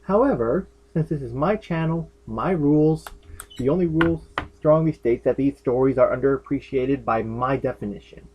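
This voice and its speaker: A man hosts a fan fiction review, narrating in a chatty, opinionated way with enthusiastic, casual comic asides. His mid-range voice moves at a normal pace over background music, and the lo-fi recording carries some background noise.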